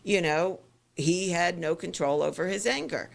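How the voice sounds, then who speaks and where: As a podcast guest, this middle-aged South Florida woman candidly recounts her story in a Florida accent tinged with a New York twang. Her low, creaky voice is animated, though she halts often and says um a lot.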